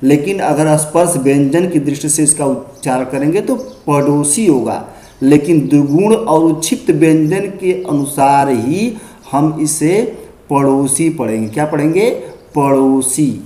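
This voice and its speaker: A man's voice: fairly high pitch, lively intonation, a little slow, mellow, echoey room. A male schoolteacher giving a grammar lesson, patiently repeating words and checking in with the class. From Uttar Pradesh, India. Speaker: school teacher.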